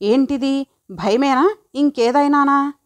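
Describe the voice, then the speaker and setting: A woman narrating a first-person audio story in a lively, chatty way. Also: sits high, slow.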